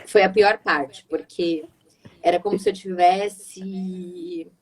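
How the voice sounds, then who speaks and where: A woman, a guest telling her personal story in an emotional, animated way. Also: lowish voice, takes it slowly, husky. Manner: emotional, animated retelling with many restarts.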